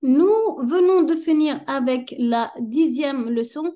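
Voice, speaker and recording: High-voiced patient woman teaching slowly. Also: lively intonation, dark tone. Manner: patient, checks understanding with frequent "ok?". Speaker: Arabic reading teacher. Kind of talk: step-by-step tutorial lesson.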